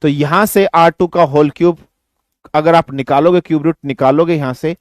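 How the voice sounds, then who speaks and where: A man teaching physics in an online exam-prep lecture, mixing Hindi and English, asking and answering his own questions and slowing down to dictate definitions. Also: fairly high pitch, fairly even intonation, no room sound, clean studio sound. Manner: slows down to dictate definitions word by word.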